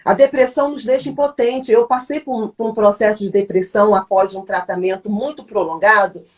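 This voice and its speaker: A woman's voice: mid-range voice, steady tone, fairly quick. A woman pastor with a Brazilian Portuguese accent, hosting a faith-based live chat and teaching in a reflective way. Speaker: pastor, host.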